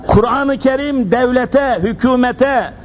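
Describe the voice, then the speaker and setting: A high-voiced man delivers a sermon at a pulpit microphone, pressing his points with emphasis and volleys of rhetorical questions. The recording is muffled and lo-fi, with a faint hum underneath. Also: takes it slowly. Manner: emphatic and insistent, with rhetorical questions and repeated phrases. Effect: speaking into a pulpit microphone. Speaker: preacher.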